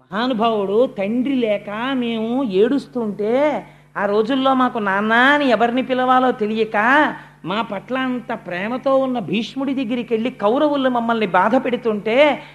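A storyteller giving a devotional discourse on an epic. The telling is dramatic, rising loud and then dropping to a hush. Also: mid-range voice, normal speed, muffled recording. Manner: dramatic, swings between loud and hushed. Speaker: religious storyteller.

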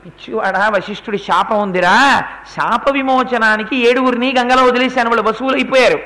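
A man's voice: extremely high pitch, fairly even intonation, brisk, bright, forceful tone. A man voicing an imperious female river goddess who scolds her husband in a commanding way, within a retold legend. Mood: scolding.

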